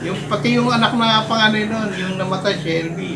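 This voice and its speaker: A man in a casual family chat, telling his own stories with animated laughter. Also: sits high, fairly quick. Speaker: sibling. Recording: echoey room with loud noise.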